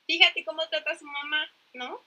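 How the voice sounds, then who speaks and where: A woman chatting on a faith podcast, expressive and friendly as she shares a personal anecdote. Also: high voice, normal speed, poor audio. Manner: chatty, expressive, laughs easily. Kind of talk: casual faith-based podcast talk.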